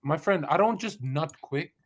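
A man's voice: on the high side, lively intonation, normal speed, heavy background noise. A man in casual group stream banter, brash and boastful, trash-talking the others. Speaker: stream guest.

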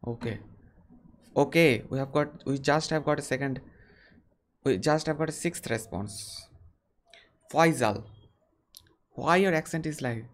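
A young Indian man who hosts an English-learning channel answers viewer questions on a live stream from a small room, recorded on a webcam. He has a mid-range voice and speaks earnestly but haltingly, often restarting sentences.

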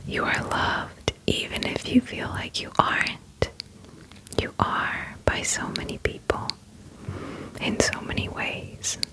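A woman's voice: slow pace, low-quality recording. A woman whispering a soothing pep talk in the style of ASMR affirmations. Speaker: ASMR host.

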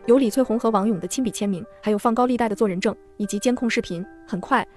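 Fast, slightly high female narrator for a web novel, faint music underneath. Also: darkish tone. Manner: brisk storytelling. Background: faint background music.

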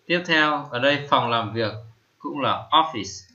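A man gives a slow screen-recorded lesson, repeating each word and filling his pauses. His voice is bright and forward, and the lo-fi recording sounds a little dull and muffled. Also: medium pitch, animated. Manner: slow, repeats each term, many fillers. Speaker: English teacher.

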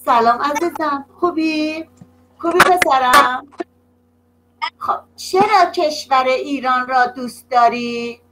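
A woman teacher leading an online class for young children, slow and patient, drawing words out and praising often, heard over a video call. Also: sits high, background noise. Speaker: primary school teacher.

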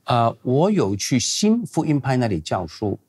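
A man's voice: mid-range voice, big pitch swings, a little slow, a little mellow, husky. An older man, a pastor and seminary teacher, answering audience questions in a loose, digressive, emphatic way.

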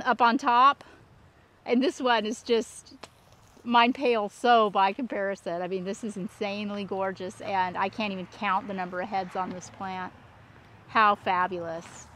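A woman hosting a casual walk-through vlog, talking in an excited, gushing, exclamatory way. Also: medium pitch. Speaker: landscape designer hosting a plant tour. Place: outdoors at a plant nursery. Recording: outdoor ambient and vehicle noise.

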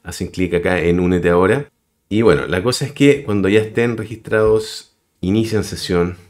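A man's voice: sits low, moderate pace. A man hosting a screen-recorded web tutorial, explaining step by step and addressing his viewers directly. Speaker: tutorial host. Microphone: voice-over on a screen recording.

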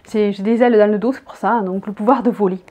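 Chatty and rambling, this thirties vlogger from southern France answers tag questions casually in her bedroom, reading each one aloud first. Her medium-pitched voice keeps a steady tone at a fast pace.

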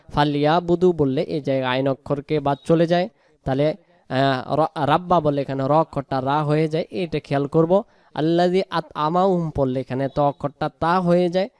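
A man with a Bangladeshi Bengali accent teaches recitation word by word, stretching each sound out slowly. His voice sits a bit high and sounds mellow and smooth. The recording is close and dry. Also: no echo. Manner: explains, then chants words slowly and drawn out. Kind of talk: slow word-by-word pronunciation lesson.

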